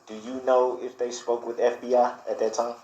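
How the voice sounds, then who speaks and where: A man questioning a witness in a courtroom cross examination, speaking formally and haltingly. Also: mid-range voice, monotone, darkish tone, highs cut off. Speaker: defendant questioning a witness as his own lawyer. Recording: echoey courtroom with faint noise.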